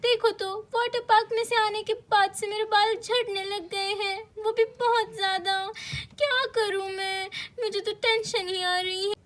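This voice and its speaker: A woman's voice: extremely high pitch, steady tone, measured pace, hardly any pauses, a bit bright, voice pushed up. A woman voicing a dramatic young mother who frets and whines, close to tears, in a doll-play story. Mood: worried whiny. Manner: worried, whining, near tears.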